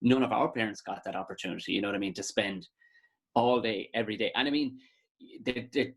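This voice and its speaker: Irish male comic, 30s, husky, animated storyteller on a chat podcast. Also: fast talker. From Ireland. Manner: animated storytelling, jumps into high-pitched mock voices. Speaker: comedian guest.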